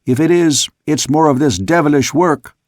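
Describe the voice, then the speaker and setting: A man's voice: a little high, moderate pace, no echo, studio quality, lightly acted. A man voicing a frightened ship's second mate. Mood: urgent. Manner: eager, then panicked shouting.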